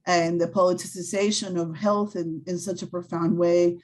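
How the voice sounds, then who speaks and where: A woman with a slightly low voice speaks as a panelist in a public discussion. She is thoughtful and reflective, often pausing on fillers and restarting her sentences as she builds her point. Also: little pitch movement, darkish tone, poor audio. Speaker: scholar on a panel. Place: event venue.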